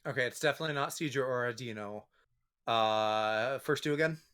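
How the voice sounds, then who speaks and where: Young man with a bright voice, casual chat. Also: a little fast, smooth. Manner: relaxed, thinks aloud with fillers, makes squeaky sound effects. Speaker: guest.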